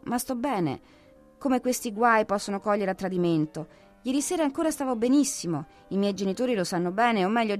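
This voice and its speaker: A woman's voice: mid-range voice, a little mellow, close to an everyday voice. A woman reading an audiobook, voicing a frantic young man who pleads breathlessly through a door and piles up excuses.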